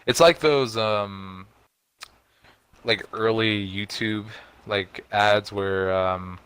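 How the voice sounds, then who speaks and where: A man's voice: very slow, smooth, low-quality recording. A young man co-hosting a podcast, chatting casually, swearing often and yelping up when exasperated. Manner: animated, swears a lot, jumps up in pitch when exasperated. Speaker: podcast co-host. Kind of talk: casual chat.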